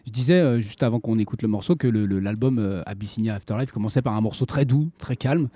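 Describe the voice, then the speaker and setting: A man's voice: on the low side, fast talker, dark tone, slightly rough, no room sound. A man hosting a casual interview, putting loosely phrased, conversational questions to his guest. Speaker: host, interviewer.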